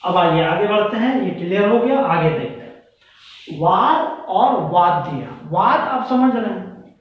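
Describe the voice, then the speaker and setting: A man teaching a grammar lesson, repeating words slowly and quizzing his listeners. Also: sits high, lively intonation. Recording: echoey, distant, dull room sound.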